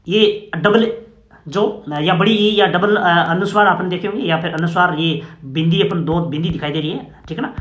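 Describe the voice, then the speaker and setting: A man's voice: high-pitched, fairly bright tone, roomy sound, lo-fi sound. A man teaching a classroom phonetics lesson, explaining step by step and often checking with "okay?".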